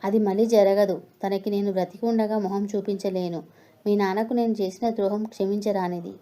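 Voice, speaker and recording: A woman voicing a grief-stricken, guilty mother who pleads in a heavy-hearted way, in a dark voice. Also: mid-range voice, fairly even intonation, brisk, natural voice. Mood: pleading.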